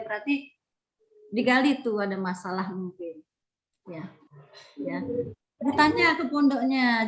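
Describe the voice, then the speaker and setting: A woman giving a webinar talk to mothers, speaking in a warm, repetitive way full of "ya". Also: a little high. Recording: dull lo-fi video call audio.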